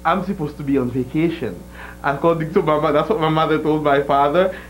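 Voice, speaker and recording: Chatty TV host from Haiti. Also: male voice, on the high side, quick pace, slight background noise, low-quality recording. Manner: chatty, laughs often, restarts phrases. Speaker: cable access TV host. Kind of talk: casual interview chat.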